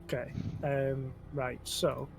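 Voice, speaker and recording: A man in a tabletop game, speaking softly and hesitantly while explaining his next move. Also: mid-range voice, flat delivery, slow, creaky, noisy background. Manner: soft-spoken, hesitant with fillers. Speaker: player. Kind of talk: casual tabletop game chat.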